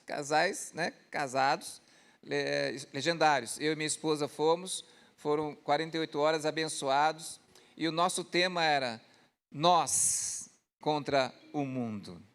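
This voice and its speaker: A male pastor preaching a lively storytelling sermon at a church service, often asking the congregation rhetorical questions. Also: on the high side, creaky.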